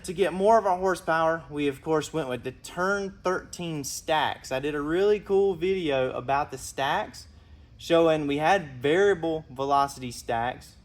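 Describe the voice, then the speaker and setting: Fast-talking man hyping a motorcycle build. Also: a little high. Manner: fast, animated, hypes parts and talks to viewers; refers to himself in third person. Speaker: motorcycle builder and channel host. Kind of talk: casual walkaround show-and-tell.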